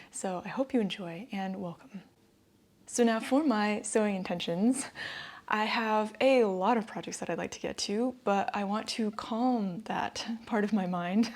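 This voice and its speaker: A sewing vlogger from the northeastern United States, with an American accent, talks casually to camera about her sewing plans. Her mid-range voice has a darkish tone, and she laughs lightly between phrases.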